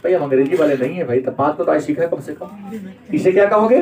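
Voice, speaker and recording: A high-voiced male teacher lectures a class on grammar, throwing out questions and answering them himself. He is recorded from across an echoey room. The sound is roomy and distant. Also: animated, quick pace, darkish tone. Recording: echoey room, mic far off.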